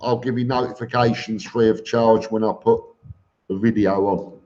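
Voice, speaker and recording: On dull, lo-fi live stream audio, a man with a warm, steady voice on the low side speaks at normal speed. He reads out comments and answers them casually and bluntly, calling his listeners "mate."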